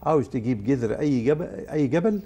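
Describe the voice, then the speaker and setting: A man's voice: medium pitch, lively intonation, fast talker, dark tone, slightly rough. A man with an Egyptian accent, a scientist guest on a TV talk show, explaining step by step and speaking directly to viewers. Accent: Egyptian Arabic.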